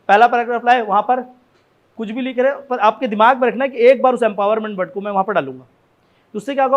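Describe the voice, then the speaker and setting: A man a notably high voice lectures a class on essay writing. He talks in a loose, conversational way, often stopping to check that his students follow. He asks rhetorical questions and keeps coming back to his main points. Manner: conversational, frequent "ठीक है ना" check-ins.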